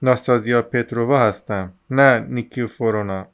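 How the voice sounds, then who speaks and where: A man reading the part of a sharp-tongued woman servant in an audiobook, mocking and scolding in a smooth voice. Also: medium pitch, steady tone, lightly acted. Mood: teasing.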